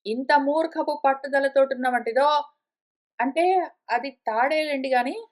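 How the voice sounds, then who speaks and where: A woman with a Telugu accent and a high voice teaches a spiritual text. She explains emphatically, repeating her points and acting out the objections of a stubborn listener. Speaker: teacher of Sanskrit philosophy. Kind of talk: spiritual lecture.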